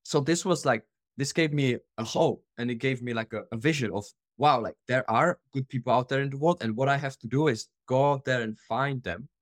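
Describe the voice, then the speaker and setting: A man's voice: medium pitch, no echo, studio quality. A man in his twenties from the Czech Republic, a podcast guest telling his life story in an earnest, open way with many fillers. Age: 20s. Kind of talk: casual interview storytelling.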